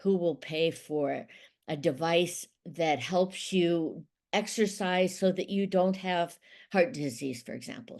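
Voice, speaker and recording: A middle-aged business consultant from Ohio, United States, appears as a guest in a conversational interview. Her low-pitched, darkish voice explains things methodically, with occasional restarts.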